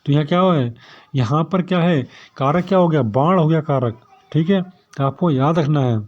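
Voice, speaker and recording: A man's voice: fairly high pitch, normal speed, darkish tone. A man teaching a grammar lesson for exam preparation, who keeps asking questions and answering them himself. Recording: dull lo-fi sound.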